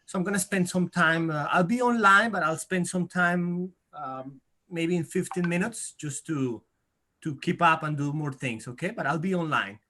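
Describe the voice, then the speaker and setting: Casting: Colombian man, Spanish native, halting English, video call. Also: on the high side, sharp tone, slight background noise. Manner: halting, repeats words while searching for them. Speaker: call participant. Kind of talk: casual video call chat.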